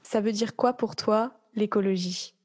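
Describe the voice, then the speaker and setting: Woman hosting a podcast, friendly questions with lots of euh, soft music in the back. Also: mid-range voice, a little slow. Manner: friendly, hesitant questions with fillers. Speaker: podcast host. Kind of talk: podcast interview.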